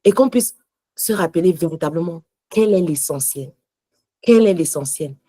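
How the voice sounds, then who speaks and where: Woman, devotional teacher, passionate, mixes French and English, husky, lowish voice. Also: expressive, moderate pace, warm tone, no room sound.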